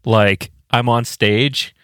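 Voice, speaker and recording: A man chatting casually on a podcast, laughing often and telling stories with animated jumps up in pitch. His normal speaking voice is middle-pitched. The recording is close and dry. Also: very slow, clean tone, no room sound. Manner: laughing, animated storytelling with jumps to high pitch when quoting. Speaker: podcast co-host; band musician. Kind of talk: casual chat.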